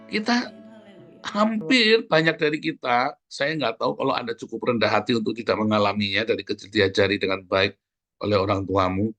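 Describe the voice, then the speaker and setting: A man preaching a sermon in a conversational, animated way, often turning to address his listeners directly. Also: medium pitch.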